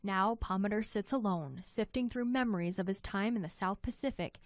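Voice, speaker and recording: A woman's voice: mid-range voice, normal speed, no room sound, clean studio sound. An American woman reading a scripted news story as a television reporter.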